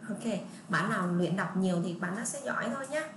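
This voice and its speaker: A woman teacher with a Southern Vietnamese accent talks to young children in an online lesson, explaining English pronunciation and drawing out each model sentence so they can copy it. The room around her is echoey, with faint ambient noise behind her. Her pitch sits in an ordinary middle range. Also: animated. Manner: patient, repetitive, drawn-out model readings.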